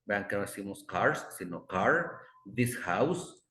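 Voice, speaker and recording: The teacher's voice here is fairly low, bright and forceful, and he speaks animatedly but unhurriedly. Teaching grammar to his class, he says example words repeatedly as drills and sometimes breaks off to fix what he said, with the classroom's roomy echo audible.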